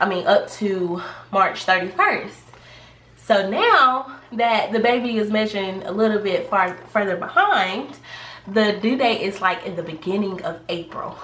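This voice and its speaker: A woman's voice: medium pitch, fairly bright tone. A woman talking casually in a vlog, chatty and rambling with many fillers, sounding a little congested from a cold. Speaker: pregnancy vlogger. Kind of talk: casual vlog talk to camera. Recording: echoey room, faint background noise.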